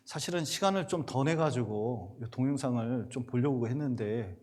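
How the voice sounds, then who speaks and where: A man's voice: medium pitch, normal speed. A male pastor preaching to parents, telling stories with acted-out quotes. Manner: animated storytelling with acted-out quotes. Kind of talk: sermon to parents.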